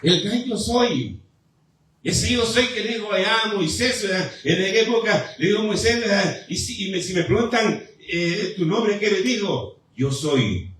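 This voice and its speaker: A man preaching a fervent sermon as pastor, with pauses and repeated appeals to the congregation. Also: sits high, fairly bright tone. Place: church sanctuary. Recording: echoey church hall, mic at a distance.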